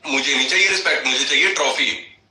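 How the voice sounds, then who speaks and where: Brief: male streamer, defensive rant, sharp tense tone, echoey room. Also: medium pitch, fast. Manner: heated, defensive, long explanations. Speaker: reality show contestant on a live stream. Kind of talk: casual live-stream chat.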